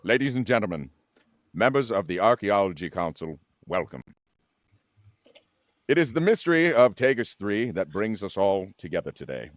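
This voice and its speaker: Dignified, prickly male starship captain, read by an amateur man: formal, firm, low-pitched, lively inflection. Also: normal speed, no echo. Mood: formal oratory. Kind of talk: amateur live script read.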